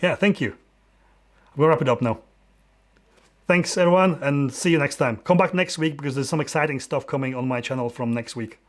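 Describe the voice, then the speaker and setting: A man in his forties from Poland, speaking with a Polish accent in a voice on the high side, runs a live-stream Q&A as a photographer and YouTuber. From his dimly lit home studio he chats openly and amiably, his answers broken up by restarts and fillers.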